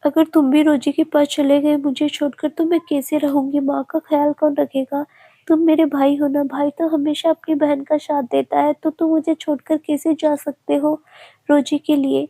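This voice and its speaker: A woman's voice: sits high, little pitch movement, normal speed, dark tone. A woman reading as a protective, tender older sister. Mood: soothing. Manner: soothing, pleading.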